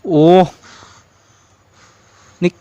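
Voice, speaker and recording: A man's voice: drawn-out words, warm tone, dry recording, muffled recording. A man commentating a horror game for his viewers, jumpy and swearing casually. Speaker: gaming YouTuber.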